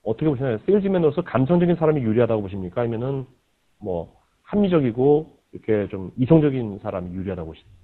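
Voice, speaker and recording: A man leads an interview, pressing his guest with searching questions and filling the pauses with short sounds of agreement. His voice comes through thin and tinny, like over a phone line. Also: mid-range voice, lively intonation. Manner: probing, frequent backchannel agreement. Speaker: interviewer, host. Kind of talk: book interview. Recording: tinny lo-fi radio-like audio.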